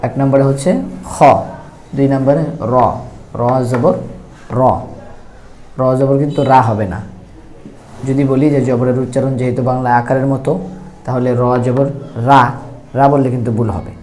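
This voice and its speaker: A man's voice: mid-range voice, flat delivery, fairly quick, dark tone, a little hiss or hum. A man teaching Quran reading, spelling each letter and vowel mark aloud one at a time and then joining them into whole words. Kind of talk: slow spelled-out recitation lesson.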